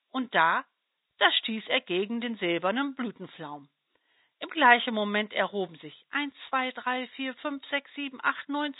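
A woman who volunteers in a parish, reading a children's story aloud in a gentle, expressive way. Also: a little high, no echo. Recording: dry, tinny phone-like sound.

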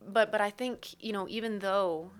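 A woman's voice: medium pitch, normal speed. Earnest woman sharing a candid testimony. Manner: earnest, candid, frequent restarts and laughs. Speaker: guest, worship coordinator. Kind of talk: conversational testimony interview.

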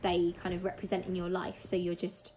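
A woman co-hosting a podcast, talking in a slow, reflective way and enjoying playing with words. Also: fairly low pitch, monotone, warm tone, a little hiss or hum. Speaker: podcast co-host. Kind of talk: casual chat.

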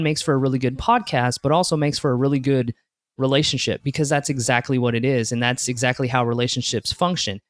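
A man's voice: medium pitch, no room sound. Earnest man, dry close sound. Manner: earnest, upbeat, many restarts. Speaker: podcast co-host, interview guest. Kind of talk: conversational interview answers.

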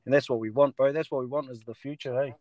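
Male guest, New Zealand accent, mid-pitched, matey and relaxed casual talker, repeats himself, dry recording. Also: fast talker, dry recording, muffled recording. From Taranaki, New Zealand. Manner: laid-back, matey, repeats phrases. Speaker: guest, rugby player. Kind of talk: casual chat.

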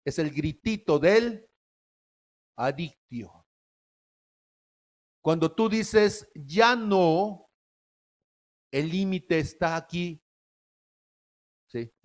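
A man's voice: fairly high pitch, slow, long pauses, a little mellow. A man preaching a sermon in a folksy way, often checking in with the audience.

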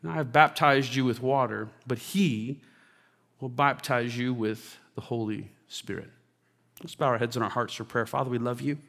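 Pastor reading scripture in a reverberant hall. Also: male voice, medium pitch, normal speed, vocal fry. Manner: reads scripture aloud with rising emphasis, then prays softly. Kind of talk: sermon scripture reading and prayer. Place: church sanctuary during a live service. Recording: long reverb of a large hall.

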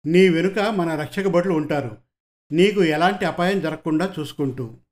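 A man reading a calm, commanding senior detective. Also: on the high side, natural voice. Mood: firm. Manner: firm, emphatic, unhurried.

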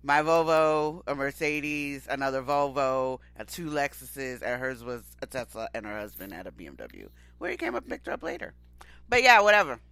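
An expressive man in his forties co-hosts a casual podcast. He tells his stories with animation and energy. His voice is bright and forward, recorded close and dry. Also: mid-range voice, normal speed, gravelly, clear, resonant tone, no echo. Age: 40s. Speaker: podcast co-host. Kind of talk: casual chat.

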